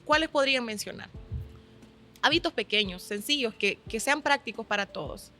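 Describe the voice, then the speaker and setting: Honduran woman host, somewhat high, bright voice, faint music underneath. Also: expressive, moderate pace. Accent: Honduran Spanish. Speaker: podcast host. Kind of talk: conversational hosting.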